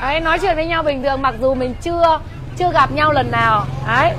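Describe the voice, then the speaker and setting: A woman's voice: sits high, fast talker, a crowd in the background. A chatty woman with a northern Vietnamese accent hosting a casual sales livestream, talking to viewers. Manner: chatty, thanking and greeting viewers. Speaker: motorbike shop livestream host. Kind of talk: casual live sales chat. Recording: outdoor livestream with faint traffic noise.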